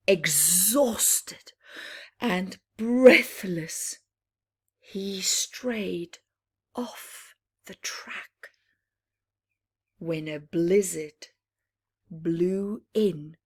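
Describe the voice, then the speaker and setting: With a fairly low, husky and breathy voice, a woman acts as storyteller for a children's picture book, going extremely slowly. She is dramatic and expressive and drops into hushed explanatory asides.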